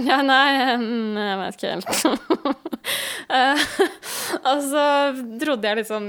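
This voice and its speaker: A woman in her twenties telling a dating story in casual conversation, lively and laughing, with many fillers. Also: medium pitch.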